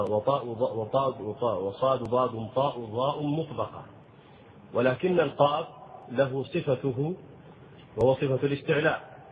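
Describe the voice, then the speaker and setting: Man, recitation teacher, deliberate explaining, chanted examples, thin phone-like sound, faint hiss. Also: medium pitch. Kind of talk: explaining tajweed rules. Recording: tinny phone-like audio with faint noise.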